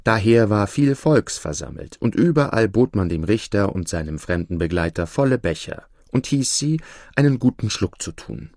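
A man narrating a folk tale in a measured, expressive storytelling reading. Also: on the low side, dry recording, studio quality.

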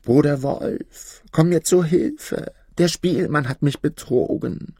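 A man's voice: on the high side, very animated, takes it slowly, creaky, warm tone, breathy edge, dry recording, voice pushed up, exaggerated voice. A man voicing a sly, fawning fox in a storybook reading, with a dry, close sound. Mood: wailing.

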